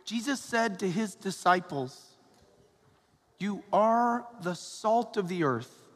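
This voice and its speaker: Priest in a cathedral echo, high-voiced. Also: male voice, animated, a bit bright. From Georgia, US. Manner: slow, measured reading, then chatty homily with "right?" asides. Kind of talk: gospel reading and homily. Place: large church. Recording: long church reverb, cathedral echo.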